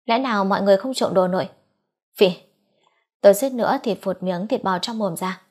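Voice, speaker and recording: A woman's voice: mid-range voice, brisk, darkish tone, breathy edge. A woman reading a romance novel aloud as an audiobook narrator, voicing the dialogue in her own voice. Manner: reads all characters' dialogue in a near-normal voice.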